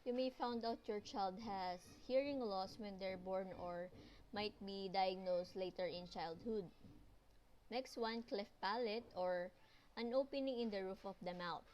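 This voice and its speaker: A woman's voice: mid-range voice, unhurried, darkish tone, dull audio, a little hiss or hum. A woman with a mid-range voice presents in class as a student presenter. She goes through her points one at a time in a plain listing manner.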